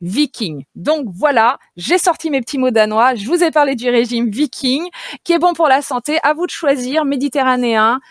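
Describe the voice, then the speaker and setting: A woman dietitian chats playfully on a radio nutrition segment, explaining in a lively way with many fillers and easy laughter. Her high, animated voice moves at a moderate pace, recorded at studio quality on a radio studio mic with no room sound.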